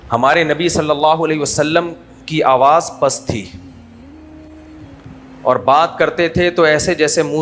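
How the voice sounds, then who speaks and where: A man's voice: fairly high pitch, fairly bright tone. A middle-aged man with a Pakistani Urdu accent giving a humorous religious talk, conversational, with mocking asides. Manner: conversational, mocking asides, acts out quoted voices. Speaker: Islamic scholar giving a talk.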